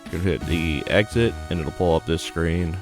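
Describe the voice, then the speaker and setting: Speaking at a moderate pace in a deep voice, this gaming video host talks through a playthrough casually and plainly. He mixes commentary with reading the story text shown on screen, with game music in the background.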